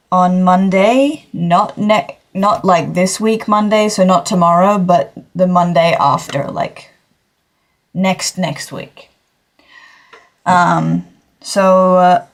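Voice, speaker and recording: A teenage girl from Australia, chatting casually on a drawing livestream and rambling with lots of fillers and self-corrections. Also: on the low side. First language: English. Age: teens. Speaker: streamer.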